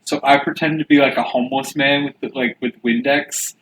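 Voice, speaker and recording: A man's voice: mid-range voice, fairly even intonation, brisk, a bit bright, slight background noise. Man laughing through a story, echoey room. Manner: laughing anecdote, acts out voices. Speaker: podcast co-host. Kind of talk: casual chat.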